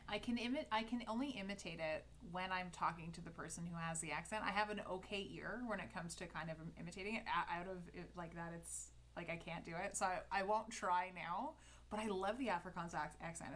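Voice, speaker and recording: Lettering on a livestream, a woman with a Canadian English accent talks casually and cheerfully to her viewers, using lots of fillers and restarting sentences. She has a lowish, slightly bright voice and speaks a little fast.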